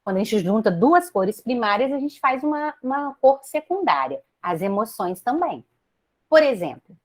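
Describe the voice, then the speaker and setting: A Brazilian woman giving a teaching talk over a video call, often putting questions to her listeners. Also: fairly high pitch. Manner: lively, asks the audience many rhetorical questions, tags "né?". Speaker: speaker at a Spiritist meeting.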